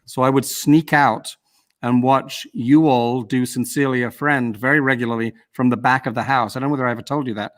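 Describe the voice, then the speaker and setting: A man's voice: mid-range voice, fairly even intonation, a little fast. A man from the UK hosting a casual interview over a video call, chatty and rambling with some teasing. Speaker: host.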